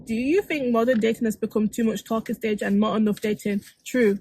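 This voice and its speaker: A woman's voice: a little high, steady tone, a little fast, dark tone, slight background noise. A woman co-hosting a casual chat, speaking frankly, full of "like" and "mm-hmm", sometimes reading out listener questions. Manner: frank, frequent "like" and "mm-hmm" backchannels. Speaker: co-host.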